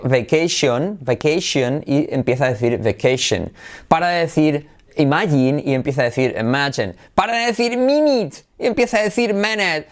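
A man from Spain with a Spanish accent, an English teacher leading a lively video lesson and drilling phrases over and over. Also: fairly high pitch.

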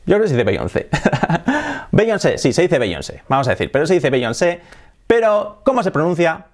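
A man's voice: on the high side, huge pitch swings, normal speed. A man from Spain with a Spanish accent, teaching English pronunciation in a casual, playful video lesson. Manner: laughs often.

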